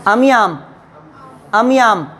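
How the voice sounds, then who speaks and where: A woman's voice: fairly high pitch, expressive, takes it slowly, a bit bright. A woman teacher giving a grammar lesson to exam students, asking questions and answering them herself. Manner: addresses students fondly as children.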